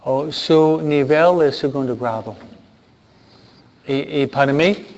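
A man who is a priest and teacher, giving an informal talk to a congregation in a halting way, restarting words and often ending points with questioning tags. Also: fairly high pitch, darkish tone, a little hiss or hum. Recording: dull lo-fi recording.

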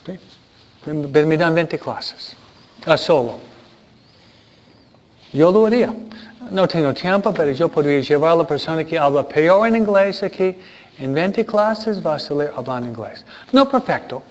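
A man who is a priest and teacher, giving an informal talk to a congregation in a halting way, restarting words and often ending points with questioning tags. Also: a little high. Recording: dull lo-fi recording.

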